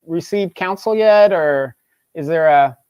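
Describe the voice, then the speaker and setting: Halting speaker with a dry, close sound. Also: medium pitch, a little mellow, clean tone, dry recording, lo-fi sound. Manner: halting, repeats words, then quick asides. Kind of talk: casual political talk show chat.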